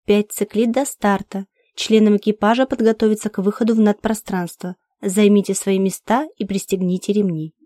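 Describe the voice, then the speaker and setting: A woman voicing a pleasant female starship computer that makes calm, measured announcements in an audiobook. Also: mid-range voice, no echo, clean studio sound, natural voice.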